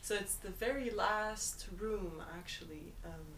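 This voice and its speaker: A woman's voice: medium pitch, a little slow, a crowd in the background. A woman curator in casual chat, explaining with frequent laughs. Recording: roomy sound.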